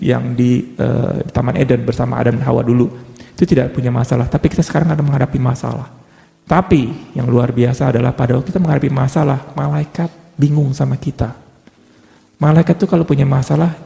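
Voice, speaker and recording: Gravelly man preaching in a reverberant hall. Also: mid-range voice, warm tone. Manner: conversational, mixing in English phrases. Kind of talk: sermon.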